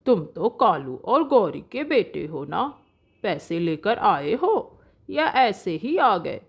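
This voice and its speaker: A woman voicing a stern male shaved-ice seller bird in a cartoon, gruff and businesslike. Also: medium pitch, big pitch swings, slow pace, heavily acted. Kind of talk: cartoon voice acting.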